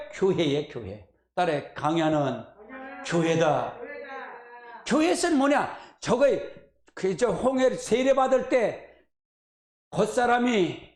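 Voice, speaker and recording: A middle-aged man preaches at a prayer meeting with a gravelly voice. His pitch swings widely as he prompts the congregation to repeat after him and drifts into personal asides. The sound rings around an echoey church room. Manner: folksy, call-and-response preaching with asides. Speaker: pastor. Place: church sanctuary.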